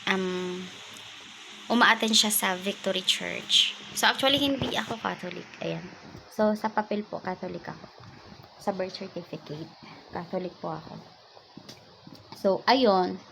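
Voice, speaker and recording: Vlogger, woman from the Philippines, soft-spoken, pausing often, personal testimony, faint hiss behind. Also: medium pitch, vocal fry, low-quality recording.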